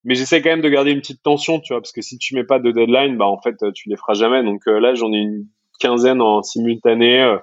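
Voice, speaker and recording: A man from France, an entrepreneur guest talking casually in an interview, relaxed and full of fillers and "you know" asides. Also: medium pitch, fast, few pauses, dry recording, muffled recording.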